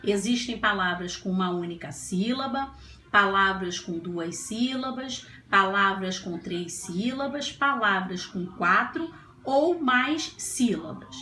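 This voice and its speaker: A woman's voice: medium pitch, animated, slow pace, pushed and bright, soft background music. A woman teacher giving a children's classroom lesson, patient and sing-song, stretching out syllables as she sounds out words. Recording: echoey room, faint ambience.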